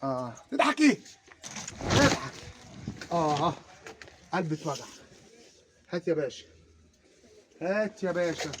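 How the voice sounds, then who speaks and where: A man with an Egyptian accent giving an energetic carpet sales pitch, repeatedly urging viewers to look. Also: a little slow, pauses often. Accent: Egyptian Arabic. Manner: repeats urgent calls to look, hawking patter. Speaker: carpet seller. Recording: noisy background.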